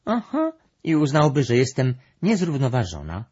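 A thoughtful female creature from a storybook, musing slowly over big questions in a husky voice, put on by a man reading aloud. Her lines rise and fall with a lively lilt. The recording sounds dull and lo-fi. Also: medium pitch, voice pushed up, exaggerated voice. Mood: explaining.

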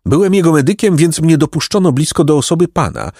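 A man's voice: a little high, animated, fast, a little mellow, no echo, pitched above the performer's own voice. A yearning, tormented old courtier made of gold, sighing and exclaiming in a raised, swooping voice, as a male reader puts him on. It is a storybook character who lives on a lament. The sound is dry and close. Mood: grave. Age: older. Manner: sighing, exclaiming, heated whisper. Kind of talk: audiobook character reading.

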